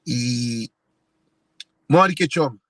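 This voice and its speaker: A man's voice: mid-range voice, a little slow, a bit bright, no room sound. A Cape Verdean man speaking in an emotional monologue to viewers, repeating and circling back to his phrases. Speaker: speaker sharing personal family story.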